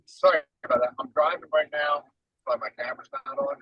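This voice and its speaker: Man, animated pitch, halting, call from a moving car, garbled underwater-sounding audio. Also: slightly rough, dry recording, dull audio. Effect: garbled, underwater-sounding call audio from his car. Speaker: new program member on a group call. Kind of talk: casual chat. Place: in a car while driving. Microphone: car hands-free call connection.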